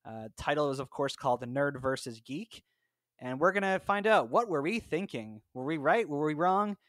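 A man hosts a podcast in a chatty, conversational way, his voice fairly high and bright with lively intonation at a normal pace. He's recorded remotely on a close personal mic, and the sound is dry.

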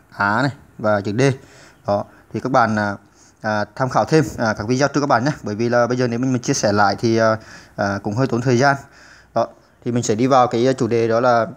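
A man hosting a step-by-step computer tutorial, hesitant with many filler sounds, patiently repeating each instruction. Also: mid-range voice. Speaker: channel host teaching computer basics.

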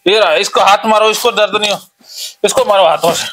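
A man working as a psychologist, coaching a client through a therapy session with loud, forceful commands. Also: high voice, a little fast, rough recording.

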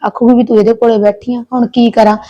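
A caring but anxious elder sister-in-law talks on earnestly, pleading and complaining in long runs, played by a woman. Her voice is fairly high and mellow. It is plain village short-film acting. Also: level tone, fast talker, dull audio, close to an everyday voice. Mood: worried, caring. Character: elder daughter-in-law, childless, kind and anxious.

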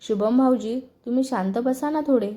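A woman's voice: a little high, moderate pace, lightly acted. A woman reading a polite, peacemaking young wife. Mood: calming. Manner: gentle, soothing.

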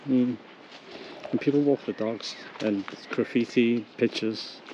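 A man's voice: mid-range voice, slow pace. Uneasy man exploring outdoors. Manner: hesitant, quietly uneasy. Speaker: urban explorer host. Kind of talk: casual walkaround chat. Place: outdoors at an abandoned industrial site. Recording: muffled outdoor camera audio with loud background noise.

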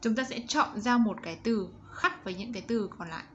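A woman teaching young children, walking through exercises and modeling English words slowly for them to repeat. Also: fairly high pitch. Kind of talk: step-by-step exercise walkthrough. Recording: slightly dull audio with faint background noise.

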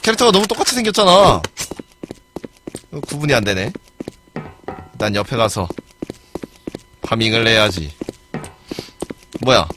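A man streaming a game live and commenting as he plays, excitable, swearing and yelling at other players. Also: medium pitch, unhurried, long pauses, music in the background.

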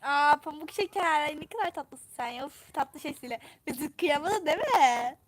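Excitable young woman streaming a game. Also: sits high, moderate pace, no room sound. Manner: excitable, repeats phrases over and over. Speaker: live streamer. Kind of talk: live gameplay commentary.

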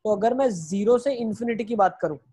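Husky guy teaching a math class online, walks through it step by step, keeps asking "right?". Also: sits high, brisk, dark tone. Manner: explains step by step, asking and answering rhetorical questions; mixes in English phrases while teaching.

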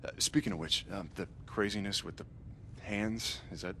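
Game friend played by a man: concerned, awkward, halting speech, faint rumble behind. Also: a bit bright, natural voice. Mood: awkward, cautious. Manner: hesitant, halting. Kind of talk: naturalistic video game acting.

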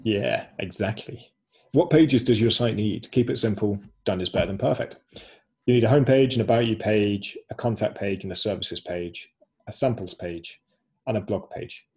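A man's voice: on the low side, moderate pace, darkish tone, husky. A man co-hosting a webinar over a video call, presenting slides in an upbeat way, repeating short slogans with plenty of "um"s.

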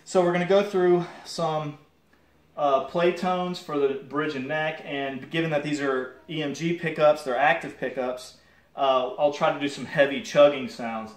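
A young guitar reviewer with a fairly high voice casually demos a guitar in his home music room full of guitars and amps, electric guitar playing in the background. He talks in a relaxed, halting way with lots of fillers. A camera mic some distance away gives the sound an off-mic, roomy quality.

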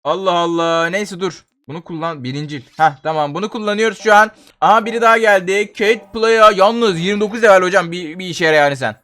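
Fast, high-voiced young man commenting on a game. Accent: Turkish. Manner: jumps into loud panicked yelling when dying. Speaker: gaming channel host. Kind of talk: excited Roblox gameplay commentary.

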